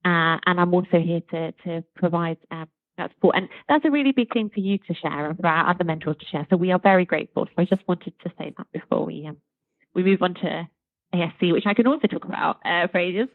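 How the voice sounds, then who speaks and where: A woman's voice: fairly low pitch, lively intonation, quick pace, vocal fry, dry recording. A woman, a charity chief executive speaking as a guest in a podcast interview, articulate and enthusiastic. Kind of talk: conversational interview. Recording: tinny phone-like remote line.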